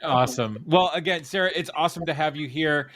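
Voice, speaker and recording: A man's voice: on the high side, brisk, a loud crowd. A man hosting a podcast, asking the questions with a lot of hesitant fillers. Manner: hesitant, many filler sounds, leads the questions. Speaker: podcast host. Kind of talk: casual podcast interview.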